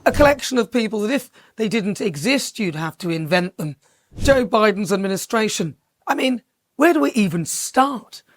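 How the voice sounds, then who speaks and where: A woman's voice: medium pitch, expressive, normal speed, no room sound, clean studio sound. A woman TV presenter, delivering a scripted satirical monologue in a sarcastic, mocking way.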